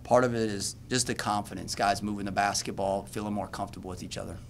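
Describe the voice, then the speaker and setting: Man, 30s, coach at a podium mic. Low-pitched, earnest, trips over and restarts lines, faint hiss behind. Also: fairly even intonation, fast, vocal fry. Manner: earnest, self-correcting, many restarts. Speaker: basketball coach. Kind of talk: postgame press conference answers. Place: press room at a podium.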